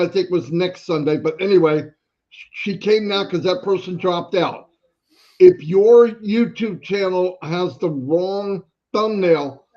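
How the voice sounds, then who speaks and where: A man's voice: high-pitched, darkish tone, dull audio. A man co-hosting a livestream in a casual, motivational way. He is emphatic and repeats his key phrases. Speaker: livestream co-host.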